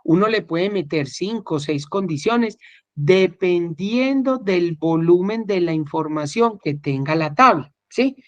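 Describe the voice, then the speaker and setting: A man's voice: sits high, expressive, a little slow, dry recording. A man teaching a class, explaining step by step and often checking that listeners follow. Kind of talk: recorded online spreadsheet class. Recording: dull, dry, lo-fi recording.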